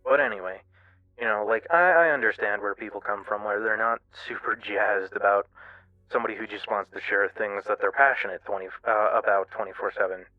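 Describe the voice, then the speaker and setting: A man giving a candid, casual personal monologue as a streamer, in a halting, self-reflective way. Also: fairly low pitch, steady tone. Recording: muffled, roomy lo-fi radio-like sound, music behind. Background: music.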